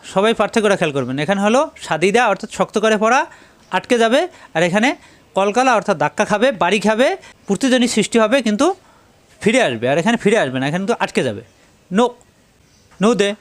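A man's voice: high voice, very animated. A man teaching Quran recitation rules, patiently repeating each sound to show the difference. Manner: recites verses in slow drawn-out chant. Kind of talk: tajweed lesson.

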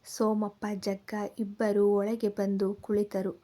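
A woman storyteller reading a scripted story in a calm, measured way. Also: mid-range voice.

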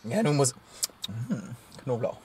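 Filming a casual travel vlog on a handheld action camera, a man in his thirties jokes around on a road trip, both in his car and out on a parking lot. He speaks a little slowly in a warm, mid-range voice that is very animated. The recording is noisy with car and road sounds.

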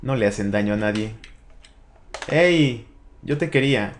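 A man's voice: on the low side, animated, a little slow, slight background noise. A young man with a Mexican accent giving casual let's-play commentary, chatting to his in-game companion and viewers and swearing casually. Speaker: gaming channel host.

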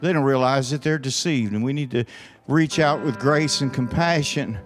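A middle-aged man preaching a sermon as pastor, emphatic and building to forceful declarations. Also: mid-range voice, normal speed. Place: large church sanctuary, on stage. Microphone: handheld mic, then pulpit mic. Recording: long church hall reverb with faint music.

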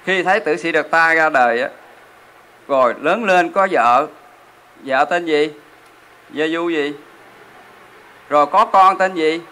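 A monk's sermon unfolds slowly in a temple hall, broken by long pauses. The man's clean, somewhat high, bright voice carries a forceful ring as he repeatedly turns to the audience with rhetorical questions.

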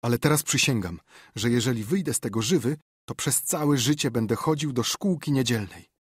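A man voicing a frightened, excitable young boy in an audiobook, speaking in an urgent, higher whisper. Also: brisk, husky, dry recording, clean studio sound, lightly acted. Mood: remorseful.

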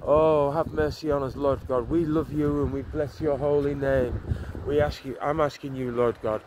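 A man in his forties, a street preacher with a voice on the high side, preaches earnestly into a phone held at arm's length while walking a leafy town street and park. The walk-and-talk vlog is rambling, with many restarts and frequent "you know". Faint street sounds and passing cars are in the background.

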